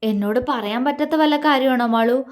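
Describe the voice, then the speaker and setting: A woman reading a story aloud, voicing a gentle young man who talks softly and coaxingly. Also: high voice, a little fast, lightly acted. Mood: tender. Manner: soft, tender, coaxing.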